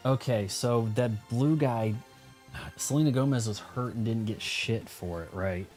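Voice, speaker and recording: A streamer gives casual, rambling let's play commentary on a video game, talking to himself as he plays. His voice is mid-range, unhurried and a little dark in tone, with game music in the background.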